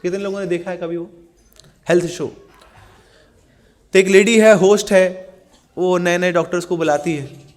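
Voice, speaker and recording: A middle-aged man from India gives a scripture lesson, and his voice sits high for a man. He chants the verses slowly, then moves into quick, animated stories and acts out each character's lines. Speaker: Gita teacher.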